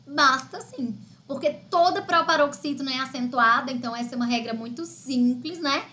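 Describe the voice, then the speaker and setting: A woman's voice: sits high, moderate pace, pushed and bright. A Brazilian woman teaching Portuguese in a live online exam-prep class, explaining step by step in a chatty way.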